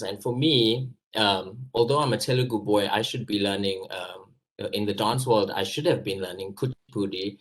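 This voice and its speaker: On a video call, a South African actor with a lowish, slightly bright voice casually recalls his time abroad. He tells it in an earnest, enthusiastic way.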